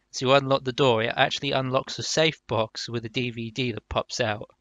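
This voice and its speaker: A man's voice: medium pitch, fairly even intonation, moderate pace, a bit bright, no room sound. A man co-hosting a podcast, making wry, joking comments in casual chat.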